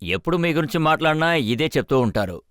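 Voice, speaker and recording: A man's voice: on the high side, expressive, fast talker, a bit bright, no echo, clean studio sound. Teasing man hosting a TV interview. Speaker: TV interviewer host. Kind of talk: TV interview questioning.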